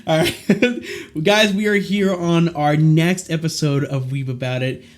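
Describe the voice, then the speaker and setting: A man's voice: on the high side, fairly even intonation, a little slow. A man hosting a casual podcast, hyped and cursing, often stumbling over his words. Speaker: podcast host.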